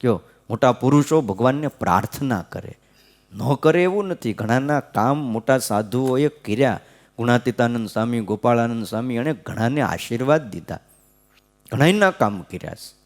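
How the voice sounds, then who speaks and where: In a gurukul temple hall, a man with an expressive, medium-pitched voice speaks at a normal speed. He's a swami giving a devotional scripture discourse, chatting with his listeners, checking in with frequent "hm?"s, and chanting verses in a sing-song manner.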